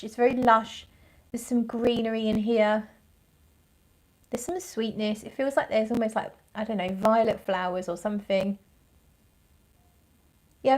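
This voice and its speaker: A woman's voice: a little high, a little mellow. A woman hosting a casual livestream as a fragrance reviewer, thinking aloud in a rambling, conversational way and searching for her words.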